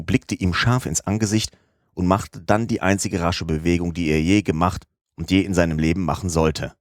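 A man calmly narrating a classic novel as an audiobook, in a measured reading style. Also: deep voice, dry recording, studio quality.

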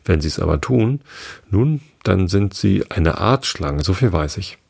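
A man with a low, husky voice voicing an anxious, scornful female pigeon in a storybook reading, with accusing, complaining talk. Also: lively intonation, measured pace, a little mellow, full character voice. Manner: shrill accusing, sobbing complaints.

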